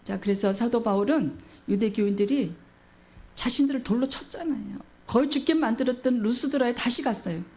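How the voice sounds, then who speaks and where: A middle-aged woman preaching a sermon in a fairly high voice. She is emphatic and keeps putting questions to her listeners. She also acts out the voices she quotes. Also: a little fast, a little mellow. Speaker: pastor.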